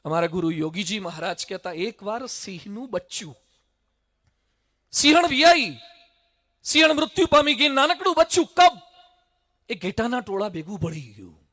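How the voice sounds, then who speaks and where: A man giving a dramatic stage speech full of stories, swinging from loud to hushed. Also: high-pitched, sing-song, normal speed, long pauses. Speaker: public speaker. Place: stage at a public event.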